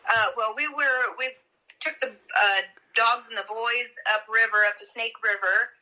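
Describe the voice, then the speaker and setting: A woman's voice: on the high side, fairly even intonation, measured pace, pushed and bright, rough recording. An American woman in her forties casually recounting events as an interview guest over speakerphone. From Tri-Cities, United States. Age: 40s. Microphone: speakerphone call.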